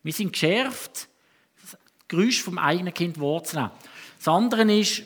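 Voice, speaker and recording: A man's voice: high-pitched, lively intonation, moderate pace, fairly bright tone, husky. A man with a Swiss German accent preaching a sermon in a conversational, storytelling way, often breaking off and restarting.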